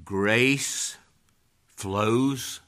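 A man preaching a sermon with a folksy delivery, moving from hushed passages to loud, emphatic ones. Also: medium pitch, very slow.

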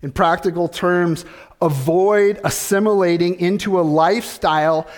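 Slow, measured male preacher. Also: high-pitched. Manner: measured preaching with repeated phrases and rhetorical questions. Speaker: pastor. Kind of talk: sermon.

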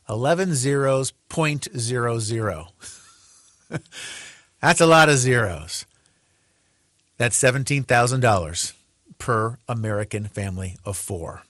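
A man's voice: medium pitch, a bit bright, dry recording. Dry, sarcastic man preaching on radio. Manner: reads quotes aloud. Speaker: pastor. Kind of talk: radio sermon commentary.

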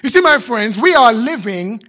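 Male pastor, higher register, unhurried reflective sermon delivery. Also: very animated, pushed and bright. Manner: measured, reflective storytelling with deliberate pauses. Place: church sanctuary.

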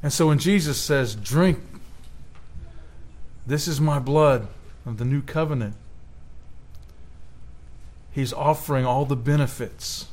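A man's voice: mid-range voice, slow, pauses often, darkish tone. A man preaching a sermon in an earnest way, rising with emphasis when he quotes scripture. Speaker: pastor.

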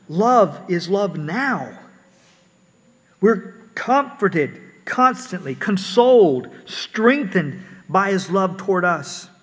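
A man's voice: high voice, fairly bright tone, big-room sound. A man preaching a sermon earnestly, often repeating words as he explains.

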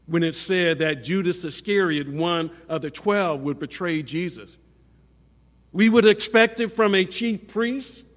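Slow, high-voiced preacher in a reverberant hall. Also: male voice, fairly bright tone. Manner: emphatic, repeats phrases for stress. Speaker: pastor. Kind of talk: sermon.

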